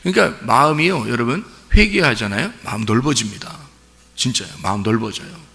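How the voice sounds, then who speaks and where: A man's voice: mid-range voice, lively intonation, a little fast, vocal fry, sharp tone. A male pastor preaching a sermon in a conversational way, often putting rhetorical questions to his congregation. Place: church sanctuary during Sunday service. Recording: long church reverb.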